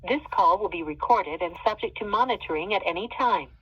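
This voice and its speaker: An automated call message played over a phone line, with a flat, prerecorded announcer delivery. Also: medium pitch, a little fast, breathy edge. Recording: muffled phone line, distant.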